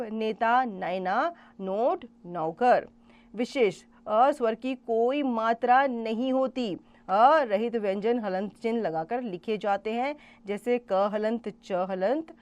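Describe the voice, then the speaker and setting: A woman teaching a school grammar lesson to children, spelling out letters one by one and asking the class questions. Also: a little high. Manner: slow, careful explanation, spells out letters one by one; addresses children directly with questions.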